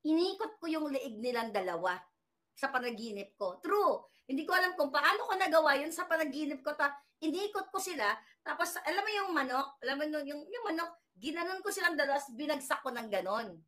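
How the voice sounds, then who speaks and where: High, bright-voiced woman telling a dream. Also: a little fast. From Philippines. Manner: chatty and rambling, with many restarts and fillers; animated retelling of a dream. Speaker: political commentary vlogger. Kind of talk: casual storytelling monologue.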